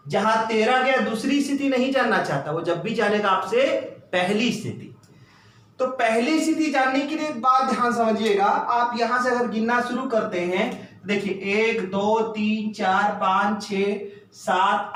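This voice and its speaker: A man's voice: extremely high pitch, a bit bright. A male teacher explaining a reasoning problem step by step, counting positions aloud and asking the class rhetorical questions. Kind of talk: exam-prep lesson at a board. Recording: very echoey room.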